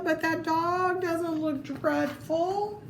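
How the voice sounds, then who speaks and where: Speaking very slowly in a very high voice, a woman expressively reads a children's storybook, slipping in small comments to the listener. The recording carries a roomy echo along with clear background noise.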